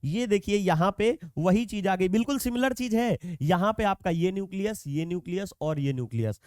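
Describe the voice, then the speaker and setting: High, smooth-voiced male chemistry teacher. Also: expressive, fairly quick, darkish tone, no room sound, studio quality. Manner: patient, explains step by step with everyday examples; addresses students directly. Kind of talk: classroom lecture.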